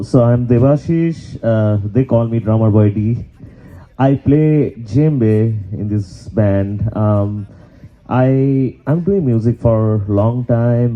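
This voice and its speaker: Low-voiced man on tinny, narrow audio. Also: measured pace. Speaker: djembe player in a band. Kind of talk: casual interview chat.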